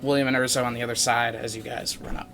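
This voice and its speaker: A man's voice: mid-range voice, little pitch movement, quick pace. A man narrating as dungeon master, calling on players and describing the scene. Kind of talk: narrating a tabletop game.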